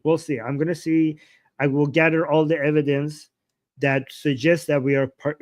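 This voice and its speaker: Speaking with an Iranian accent, this Iranian man hosts a political reaction livestream in an argumentative, insistent style, hammering points again and again and asking rhetorical questions. His voice is a little high and a little mellow, recorded with no echo.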